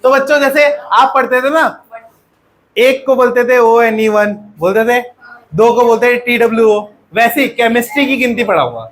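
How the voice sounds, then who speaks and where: High-voiced man teaching a class. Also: normal speed, fairly bright tone. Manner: asks the class questions and repeats answers. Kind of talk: classroom lecture to students. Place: classroom with pupils.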